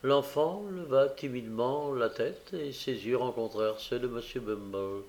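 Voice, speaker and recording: A man narrating a classic novel as an audiobook reader, measured and expressive. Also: mid-range voice. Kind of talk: scripted narration.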